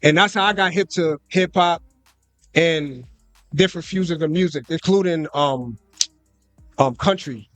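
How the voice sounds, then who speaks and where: Soft music plays behind a young American rapper as he talks in a live concert radio booth, with no room sound. His slightly high voice is unhurried with frequent pauses, and he's relaxed and loose, full of fillers and "you know what I'm saying."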